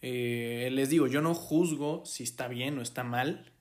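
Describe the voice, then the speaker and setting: A man's voice: medium pitch, a little slow. A man with a Mexican accent hosting a podcast, talking through the news in a casual, hesitant way, with many fillers and restarts. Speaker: podcast host. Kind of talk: casual solo commentary.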